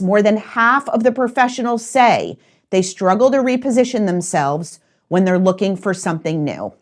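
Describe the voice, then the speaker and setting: A woman in her forties hosting a solo career-advice podcast, speaking directly and coaching her listeners with repeated instructions. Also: mid-range voice.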